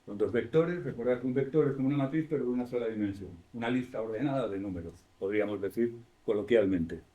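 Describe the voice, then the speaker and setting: Lecturing in a university classroom, a Spanish-accented man with a fast, dark, medium-pitched voice explains things step by step. He asks the class questions and corrects himself as he goes.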